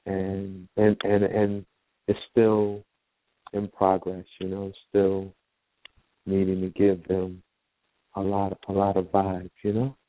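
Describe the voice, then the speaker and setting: A man in his fifties, a radio guest, talking in an unhurried, reflective way. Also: low-pitched, completely flat delivery, dry recording. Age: 50s. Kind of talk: casual radio talk. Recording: dry phone-line call audio.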